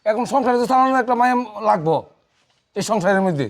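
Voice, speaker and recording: Older father type played by a man, gruff and defiant, quick, high-pitched delivery with a Bangladeshi accent. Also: expressive. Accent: Bangladeshi colloquial Bengali. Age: 60s. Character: stubborn sixty-year-old father who remarries.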